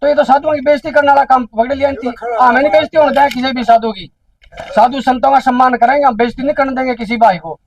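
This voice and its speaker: High-voiced Haryanvi man speaking out indignantly. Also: fairly even intonation, fast talker, dry recording, rough recording. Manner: indignant, repetitive rhetorical questions. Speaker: speaker at a village council meeting. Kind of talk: public address at a village meeting.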